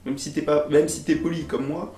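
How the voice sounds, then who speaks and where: Speaking slightly high but with a dark tone, the young adult YouTuber keeps a level, brisk delivery while ranting comically to camera. It's a casual, exasperated, theatrical bit full of slangy cursing from the video's host. You can hear roomy echo and background music.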